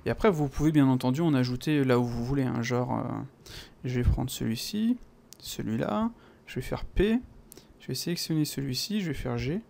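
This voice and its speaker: Chatty French man, gravelly tutorial voice. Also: medium pitch, moderate pace, a little mellow. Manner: chatty, many fillers and sound words like "pouf" and "clac". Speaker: software tutorial presenter. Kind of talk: casual screen-recorded tutorial.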